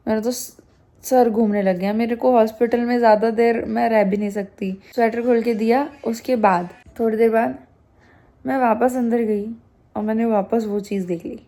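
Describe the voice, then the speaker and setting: Young female vlogger with a high voice, chatty and animated, retelling an event. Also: moderate pace. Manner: animated retelling, acting out what others said. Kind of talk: casual storytelling to camera.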